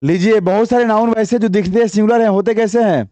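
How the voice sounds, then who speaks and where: Teaching English grammar to a class, a man with a high, mellow voice reads example sentences slowly, explains them briskly, and keeps quizzing students with repeated questions. There's no room sound.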